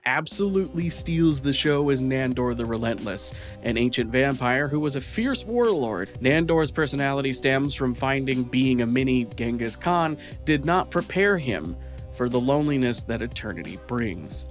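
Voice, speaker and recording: A man's voice: mid-range voice, expressive, moderate pace. Man narrating a scripted review over music. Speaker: video host reviewer.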